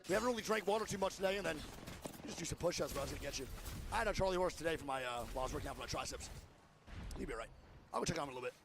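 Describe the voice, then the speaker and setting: High gravelly hyped man casting esports. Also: noisy background. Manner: hyped, swearing, rapid play-by-play. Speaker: streamer co-casting a watch party. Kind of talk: excited esports co-commentary.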